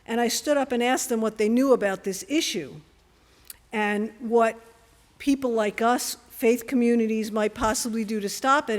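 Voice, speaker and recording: A woman organizer delivers a prepared introduction speech for a guest speaker in a measured, orderly way. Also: on the high side. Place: church hall. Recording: echoey hall, long reverb.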